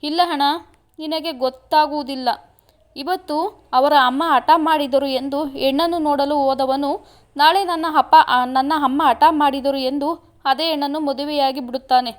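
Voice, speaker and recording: A woman's voice: high voice, a little slow. A woman reading aloud, voicing a tearful, jealous young village woman who pleads and accuses between sobs.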